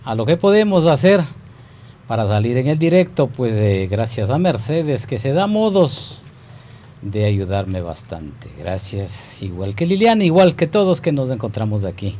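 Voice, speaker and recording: A man's voice: medium pitch, big pitch swings, unhurried, warm tone. A man hosting a live radio show, chatting casually and hesitating with many fillers. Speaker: radio host. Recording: faint background noise.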